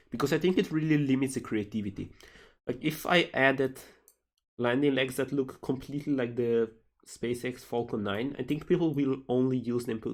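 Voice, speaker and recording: Male game developer, casual livestream Q&A delivery, reading questions and replying. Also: mid-range voice. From Slovenia.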